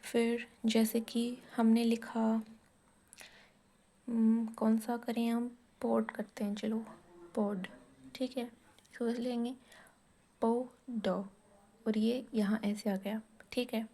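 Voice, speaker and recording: A woman's voice: a little high, flat delivery, slow, pauses often, dark tone. A woman teaching shorthand in a casual step-by-step lesson, asking and answering her own questions as she writes.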